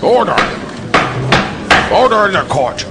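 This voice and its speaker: A man's voice: medium pitch, big pitch swings, unhurried, gravelly, very noisy. A man playing a pompous, stern judge who declaims formally in a comedy audio drama. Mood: commanding.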